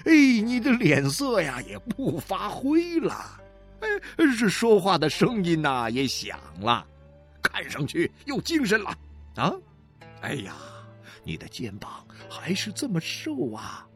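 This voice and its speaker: A man's voice: sits high, wildly swooping pitch, measured pace, a bit bright, voice pushed up, exaggerated voice. Guy voicing a teary middle-aged dad, choked up and exclaiming, voice all over the place, bit of music under it. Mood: tender, tearful. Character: distraught middle-aged father, weeping then laughing. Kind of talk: audiobook character voice.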